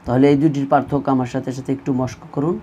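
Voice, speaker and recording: A man's voice: mid-range voice, steady tone, very fast, warm tone, slight background noise. A man teaching an online Quran reading lesson, drilling letter sounds in pairs and having students repeat after him. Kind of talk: slow recorded online lesson.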